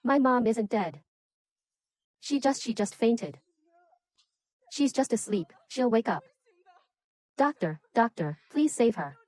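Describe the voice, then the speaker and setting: A woman's voice: a little high, animated, slow, long pauses, a little mellow, no room sound. A woman in an English drama dub playing a desperate young daughter who pleads and accuses through her grief.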